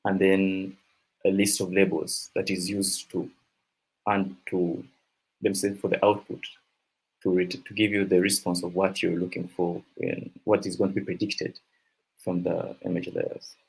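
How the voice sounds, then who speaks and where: A man giving a technical conference talk, halting, with many fillers and restarts. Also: sits low, level tone, vocal fry, husky, rough recording. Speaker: conference speaker.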